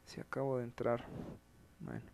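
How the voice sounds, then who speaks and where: A man's voice: medium pitch, completely flat delivery, normal speed, darkish tone, slight background noise. A man with a Mexican accent hosting an online show, giving casual live commentary in a wry, exasperated tone and swearing freely. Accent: Mexican Spanish.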